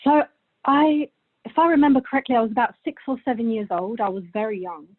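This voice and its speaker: A woman's voice: a little high, lively intonation, fast talker, no room sound. A chatty woman in her thirties, from Bulgaria, talks over a thin, tinny line that sounds like a phone call. The sound is dry with no room around it. Her answers ramble loosely and she laughs easily. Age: 30s. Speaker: podcast guest. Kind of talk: casual interview answers.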